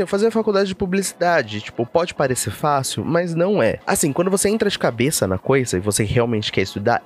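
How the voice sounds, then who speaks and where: A young man from Brazil with a Brazilian Portuguese accent, telling a personal story in a chatty, self-mocking vlog monologue full of asides. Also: a little high. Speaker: vlogger. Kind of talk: casual confessional monologue.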